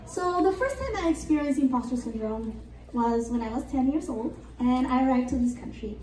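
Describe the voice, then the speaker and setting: A woman's voice: high voice, lively intonation, moderate pace, a little mellow, a little hiss or hum. A young woman from Argentina, a native Spanish speaker, giving an earnest and reflective talk to a conference audience. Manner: earnest and reflective, with light laughs. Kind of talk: prepared motivational talk. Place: conference hall. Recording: roomy hall, voice from a distance.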